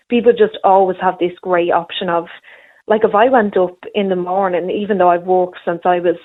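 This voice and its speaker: A woman, calling in to a radio show over a phone line, chatting freely with lots of fillers. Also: lowish voice. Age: 20s. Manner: chatty, full of "like" and "you know". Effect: heard over a phone line.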